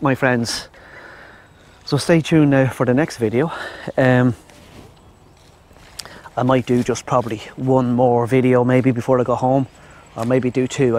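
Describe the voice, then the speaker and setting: A man from Ireland with a mid-range, steady, darkish voice speaks at normal speed to camera while travel vlogging in the Thai countryside. Recorded outdoors on a lavalier mic, he rambles casually and addresses his audience as "my friends."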